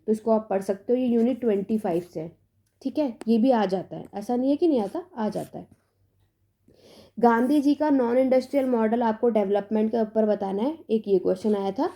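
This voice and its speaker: A woman's voice: a little high, warm tone. A young woman tutor giving emphatic, repetitive exam tips in a casual lesson, often checking in with her students. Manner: emphatic, repetitive reassurance with "theek hai" checks.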